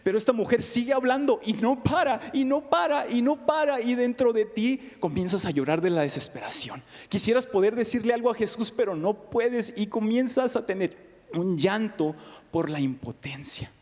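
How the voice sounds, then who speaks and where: A man's voice: high-pitched, animated, normal speed, darkish tone, big-room sound. A man preaching a sermon, retelling a scripture story in second person with dramatic swings, sometimes dropping to a whisper. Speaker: pastor. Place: church sanctuary.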